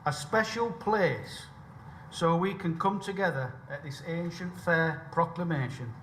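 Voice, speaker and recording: A man's voice: a little high, unhurried, fairly bright tone. A man giving a formal ceremonial speech with emphatic phrasing in an echoey room. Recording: echoey room, faint noise.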